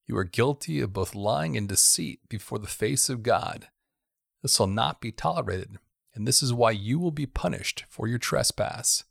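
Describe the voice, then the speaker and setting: Measured, menacing preacher-killer, voiced by a man, quiet and gravelly, close dry sound. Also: medium pitch, lively intonation, dry recording. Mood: condemning. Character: calm male serial killer, preaching judgment.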